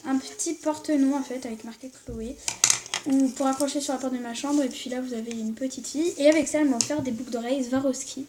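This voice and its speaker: A woman vlogger chatting casually to camera, excitable and gushing, with lots of fillers. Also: sits high, fast. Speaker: vlogger showing Christmas presents. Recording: noisy background hiss.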